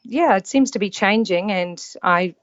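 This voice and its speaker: A yacht stewardess from New Zealand, with the accent to match, joins a podcast by video call for a laid-back interview chat. She speaks at a measured pace in a mid-range voice, using fillers and small restarts, and the audio is dull and dry with no room sound.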